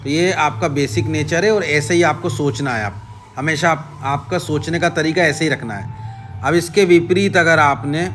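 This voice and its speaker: A man with a somewhat high voice talks straight to the listener about horoscopes, stacking short repeated phrases into lists and checking in often. Faint music sits behind him. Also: normal speed, fairly bright tone. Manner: repetitive, direct address to viewer with frequent "ठीक है?"; listing advice in short chanted phrases. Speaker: astrology channel host. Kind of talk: casual astrology explainer.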